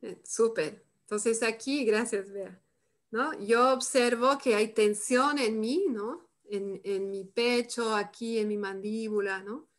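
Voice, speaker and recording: A woman running a live online workshop, talking calmly and reflectively through a demonstration. Her voice sits a little high, and she often ends phrases with a questioning "¿no?". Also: slow pace. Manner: calm, reflective, tags phrases with "¿no?". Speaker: workshop facilitator.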